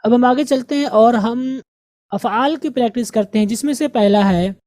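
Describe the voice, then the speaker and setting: A woman teaching English with an Indian Urdu-speaking accent, her voice mellow and dark. She goes through words at a slow, deliberate pace and repeats each one for pronunciation. The recording is close and dry. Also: on the high side, no room sound. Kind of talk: grammar and vocabulary lesson.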